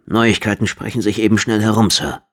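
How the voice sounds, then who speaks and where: A cheeky young soldier answers with cheerful politeness, as a male narrator puts him on. The voice stays deep and low, close to the reader's own. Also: steady tone, brisk, lightly acted.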